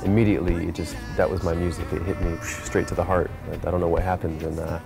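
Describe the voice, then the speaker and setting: A man's voice: low voice, flat delivery, fast talker. A man in his thirties, a reggae musician telling his story in an interview in a laid-back way, often adding "you know". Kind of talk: reflective interview monologue. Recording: clear music playing behind the voice.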